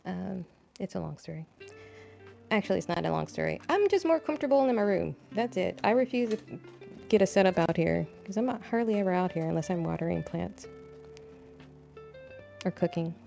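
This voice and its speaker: While she plants seeds on her balcony, a young woman streams casual, rambling talk that pokes fun at herself. Her lowish voice is mellow, creaky and expressive, and she talks briskly but pauses often. Her braids brush the desk mic, and the recording is dull lo-fi with faint music.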